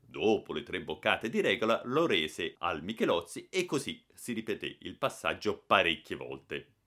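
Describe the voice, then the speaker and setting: A man narrating a story as an audiobook in an expressive storytelling style. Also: low-pitched.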